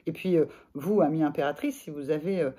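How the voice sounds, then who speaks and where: A woman coach giving gentle, hesitant advice to camera, with many pauses and fillers. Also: sits low, husky. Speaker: sophrologist and life coach. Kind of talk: casual advice talk to camera.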